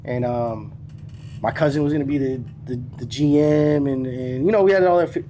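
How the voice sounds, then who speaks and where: A man, a podcast guest telling his franchise story in a casual, profane, animated way and acting out the people he quotes. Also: medium pitch, moderate pace, slight background noise.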